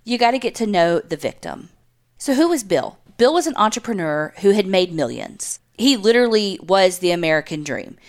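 A woman's voice: medium pitch, big pitch swings, moderate pace. A woman hosting a podcast, telling a true-crime story in a casual, conversational way. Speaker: podcast host.

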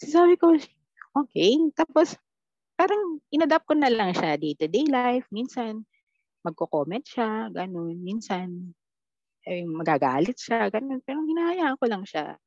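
A woman telling her experiences as a podcast guest, quoting her own dialogue in a blunt, animated way. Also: a little high, measured pace, dry recording, highs cut off. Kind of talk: casual storytelling chat.

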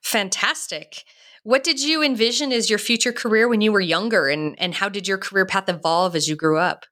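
A woman's voice: mid-range voice, fairly quick, a bit bright. A woman hosting a podcast interview, friendly and asking prepared questions. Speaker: podcast host. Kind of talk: interview host.

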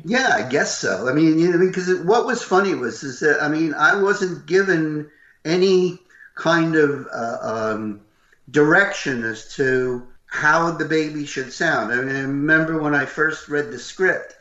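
Gruff older man in a roomy room. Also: a little high, measured pace. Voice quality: loud, gruff voice. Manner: animated, acts out what others said. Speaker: voice actor guest. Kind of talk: interview storytelling. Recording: roomy, slightly dull recording.

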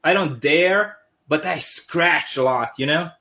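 A little slow in delivery, a high-voiced man with a thick Serbian accent talks over a video call as a comic artist guest. He recounts stories in an animated, humorous way, repeatedly restarting sentences, and the talk feels easygoing and friendly.

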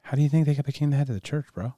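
A man's voice: medium pitch, very fast, dark tone, dry recording. A man hosting a casual podcast chat, bantering and swearing freely as he talks. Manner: profane, bantering. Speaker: podcast host.

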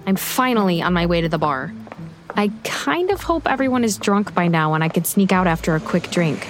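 An actress playing an anxious, uptight young American bride-to-be and affectionate big sister in a naturalistic audio drama. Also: female voice, medium pitch, lightly acted. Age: young adult. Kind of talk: scripted audio drama, naturalistic dialogue and narration.

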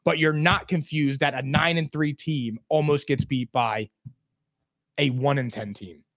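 A man's voice: medium pitch, fairly even intonation, unhurried, a bit bright, no echo, clean studio sound. A man in a casual sports debate as a co-host, opinionated and conversational, pushing back on the other side.

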